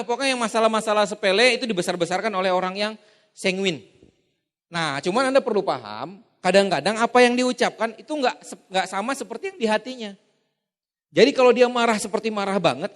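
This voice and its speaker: A man with a high voice leads a lively seminar, animated and quick to laugh as he acts out his examples. His voice rings with long reverb from the hall he speaks in, and he clearly trains a live room. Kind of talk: lively motivational seminar talk.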